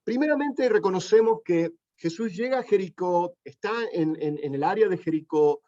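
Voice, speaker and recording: A man preaching a sermon, teaching in a plain conversational way with many pauses and restarts, often asking the congregation questions. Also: high-pitched, dark tone, muffled recording.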